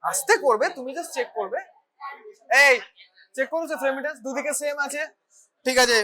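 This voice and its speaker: On a hospital teaching ward, a clinical teacher with a high, sharp voice leads a hands-on bedside demonstration. Students practise an examination while being briskly instructed step by step.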